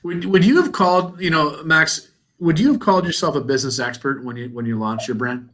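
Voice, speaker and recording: A man's voice: fairly high pitch, brisk, a bit bright, poor audio. A man moderating a casual panel discussion, talking conversationally with frequent restarts.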